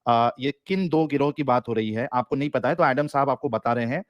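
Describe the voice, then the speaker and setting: A man's voice: mid-range voice, brisk, no room sound, muffled recording. A man moderating an online debate, making firm but polite requests for order.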